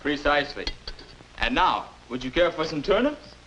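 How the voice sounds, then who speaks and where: An American actor in his twenties, with a slightly high, sing-song, somewhat bright voice at normal speed, plays a patient, upbeat 21-year-old older self mentoring a boy. His delivery is instructive, encouraging and neatly spoken in 1950s educational film style, on a muffled, noisy old film soundtrack.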